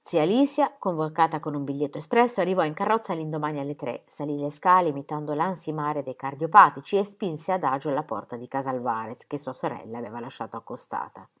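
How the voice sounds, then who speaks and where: A woman reading a novel aloud as narrator in a calm, measured way. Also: low voice. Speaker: reader. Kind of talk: scripted narration.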